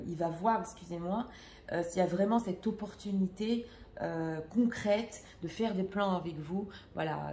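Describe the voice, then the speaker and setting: A woman's voice: on the low side, darkish tone, reverberant, slight background noise. A French-speaking woman reading tarot cards for her viewers in a casual, hesitant way, full of fillers and restarts. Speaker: tarot reader.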